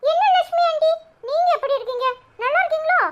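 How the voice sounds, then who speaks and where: A woman's voice: very high-pitched, muffled recording, very noisy. Woman voicing a cheeky little boy with Tirunelveli Tamil. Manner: cheeky, quick-witted, talks in a piping voice. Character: small chatty talkative boy. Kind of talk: cartoon voice acting.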